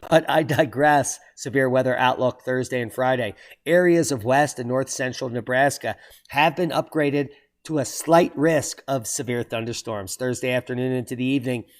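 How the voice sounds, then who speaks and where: Speaking alone at a moderate pace in a mid-range voice, a man reads weather and earthquake headlines for his channel. He peppers them with sardonic asides and bursts into loud exclamations at surprising items.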